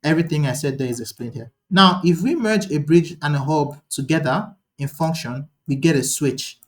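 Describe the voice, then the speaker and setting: Guy teaching a live online class, talks fast, bit higher voice, keeps restarting sentences. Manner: fast-talking, thinking aloud with restarts. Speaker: instructor.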